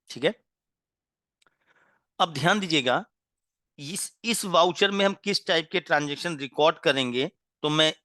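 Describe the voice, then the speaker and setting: Brief: male software trainer, bright, higher-pitched voice, deliberate lecturing with frequent check-ins, dry close sound. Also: no echo. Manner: explains slowly, with frequent "ठीक है" check-ins and asides; pauses to clear his throat and apologize. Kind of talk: classroom-style lecture.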